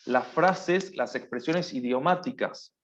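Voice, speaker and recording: A male teacher talks his students through a lesson at an even, unhurried pace. His voice sits at a middle pitch. He keeps checking that everyone is following. The recording is muffled and lo-fi. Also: a little hiss or hum. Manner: explains patiently, often checks with a questioning "right?". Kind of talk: online class lecture.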